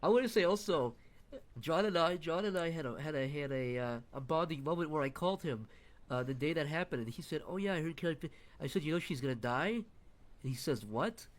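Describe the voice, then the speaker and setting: A man co-hosting a casual podcast, trading crude, dark jokes in a deadpan way. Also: a little high, a little fast. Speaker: podcast co-host.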